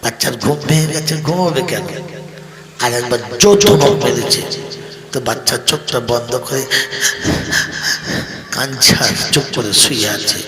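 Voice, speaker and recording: A man with a Bengali accent preaching a waz sermon. He tells a story softly, then rises into impassioned, high-pitched appeals. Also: moderate pace, pauses often. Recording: echoey open-air loudspeaker sound with crowd.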